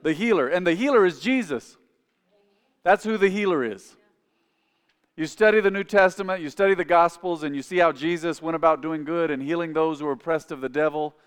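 A man's voice: a little high, fairly quick, clean tone. A man in his forties preaching a sermon as pastor, calling on the congregation to repeat phrases after him. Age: 40s. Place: church sanctuary. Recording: long reverb of a large hall.

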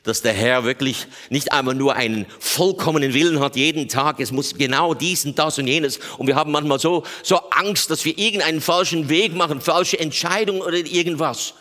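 A man preaching a sermon in a lively way, acting out quoted prayers in a higher voice. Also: fairly quick, few pauses. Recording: long hall reverb.

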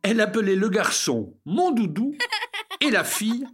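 A storyteller reading a children's fairy tale aloud in an expressive, scripted narration. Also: medium pitch, normal speed. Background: music.

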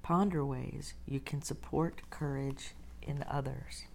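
A woman host leading a guided meditation like a sleep story narrator, gently and unhurriedly, with soft breathy phrase endings and long pauses. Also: a bass voice, fairly even intonation, a little hiss or hum.

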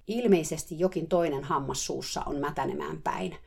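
A woman narrating a diary-style story with wry, matter-of-fact remarks. Her voice sits low and carries a gravelly fry. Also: a little mellow.

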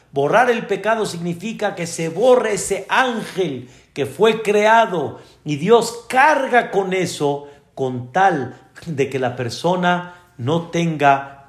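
Slow-speaking rabbi. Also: male voice, on the high side. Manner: slow, explaining, addresses listeners directly. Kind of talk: sermon. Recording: echoey room.

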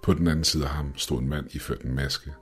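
Very deep male narrator for horror story, grim, measured, soft music under. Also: fairly even intonation, slightly rough. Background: faint music.

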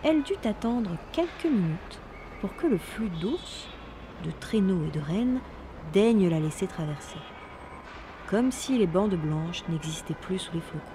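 A woman narrating a Christmas storybook with lively, playful delivery and little sound words. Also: mid-range voice, unhurried, background noise.

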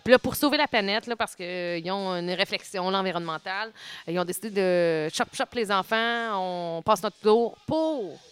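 A man with a Quebec French accent, chatting casually as co-host. His voice is bright and smooth, and he rambles, often pausing to hunt for the right word. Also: high voice. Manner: rambling, searches for words. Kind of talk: casual chat.

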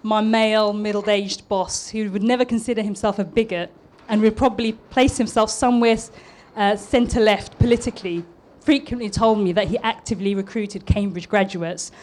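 Her mid-range voice is a little mellow, with fairly even intonation, a moderate pace, and few pauses. She's a thirty-something architect from East London with a polished southern English accent, giving a prepared public talk earnestly but a bit nervously, with small restarts.

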